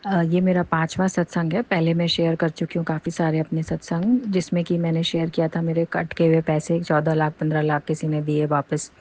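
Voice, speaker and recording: A woman's voice: low-pitched, flat delivery, a little fast, few pauses, darkish tone. A middle-aged woman giving an earnest, rambling devotional testimony. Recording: dull lo-fi recording.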